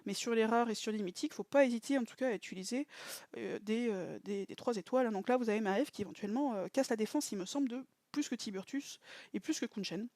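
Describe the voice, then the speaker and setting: A woman's voice: fairly high pitch, quick pace, darkish tone, no echo. A woman giving a casual game strategy breakdown. She hesitates now and then to recall details and repeats emphatic warnings.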